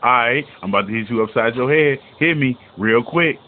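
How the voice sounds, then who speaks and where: A man's voice: medium pitch, brisk. Playful man host on a tinny line. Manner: playful, hyped-up reactions. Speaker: interview host. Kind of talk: casual interview chat. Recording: tinny phone line with faint noise.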